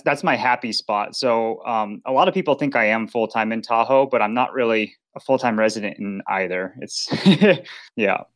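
A man from Colorado, a professional cyclist, chatting as a podcast guest in an easygoing way with frequent fillers. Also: medium pitch. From Colorado, United States. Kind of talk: casual interview chat.

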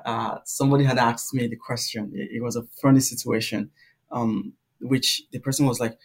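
This young Nigerian man has a medium-pitched voice with a flat delivery and moderate pace. As a guest in a casual interview, he tells long stories warmly, with many ums and an easy laugh.

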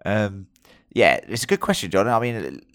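A man's voice: lowish voice, expressive, moderate pace, dry recording, clean studio sound. A man chatting casually as a review podcast co-host, matey and sweary, circling his way through his points. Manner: sweary, matey and jokey banter.

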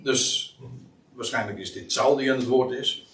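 A man's voice: mid-range voice, moderate pace, fairly bright tone. Hesitant man teaching in an echoey room. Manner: hesitant, many fillers and restarts. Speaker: Bible teacher. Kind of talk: explanatory Bible study talk. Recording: echoey room, distant mic.

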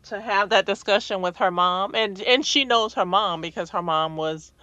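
A woman's voice: mid-range voice, moderate pace, pushed and bright, no echo, highs cut off. A woman co-hosting a casual chat, asking questions and laughing easily. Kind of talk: casual chat about a reality show.

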